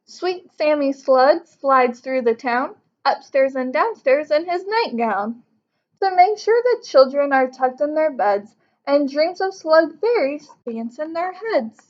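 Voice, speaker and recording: A woman in her thirties, her voice high and slightly mellow, reads a picture book aloud to young pupils and explains it to them like a teacher. She's on the living room couch at home, and the recording sounds muffled.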